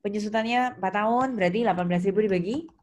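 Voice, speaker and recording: With a medium-pitched, slightly mellow voice and rapid-fire delivery, a female accounting teacher explains worksheet entries interactively. She guides students step by step and quizzes them to confirm they follow. The clear background noise consists of keyboard typing and clicks.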